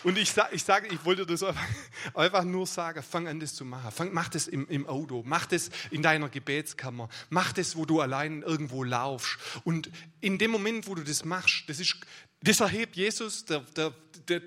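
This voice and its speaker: A man's voice: fairly high pitch, moderate pace, sharp tone. A man preaching a sermon, crying out emphatic declarations, then explaining in a loose, conversational way.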